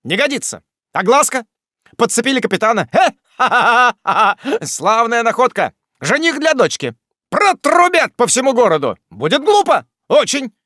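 A man's voice: high-pitched, very animated, moderate pace, a bit bright, no echo, studio quality, voice pushed up. A man voicing a sly, mocking male swindler who speaks in clipped, jeering bursts in a storybook reading.

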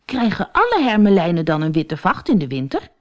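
A woman's voice: huge pitch swings, fairly quick. A woman voicing a small, worried young male stoat in a children's storybook, anxious and pleading. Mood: relieved. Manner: anxious, pleading, high and bright.

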